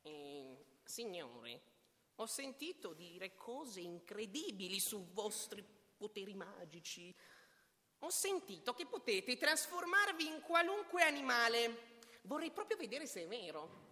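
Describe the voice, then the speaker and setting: Brief: a sly, cunning male cat in a storybook, very bright and high, slow and coaxing, hall echo. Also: big pitch swings, full character voice. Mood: flattering. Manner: sly, coaxing, shouts in alarm. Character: clever scheming male cat, sly and bold. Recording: long hall reverb.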